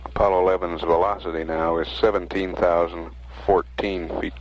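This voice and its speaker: Low, flat American mission control announcer. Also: male voice. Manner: measured, matter-of-fact. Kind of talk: mission status commentary. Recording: faintly noisy 1960s archive broadcast audio.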